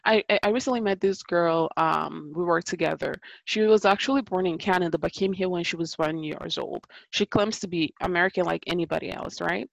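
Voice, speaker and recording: A woman's voice: on the low side, brisk, vocal fry, few pauses, dry recording, muffled recording. A woman with a Ghanaian and Italian accent, chatting casually and telling stories, acting out what people say to her. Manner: animated storyteller, acts out quotes. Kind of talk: casual conversation.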